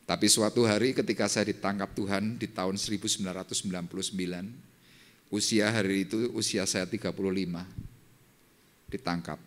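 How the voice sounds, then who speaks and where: An older man, a pastor, preaching a sermon and telling his own testimony, dropping to low murmurs and rising to loud, high exclamations. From Indonesia. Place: church service.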